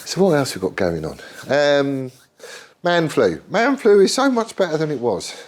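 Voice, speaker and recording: Here the middle-aged motorcycle builder and channel host sounds a little high, swinging widely in pitch at a normal speed. Stuffed up with a head cold, he wanders casually through a workshop update at home, dropping plenty of ums and local slang.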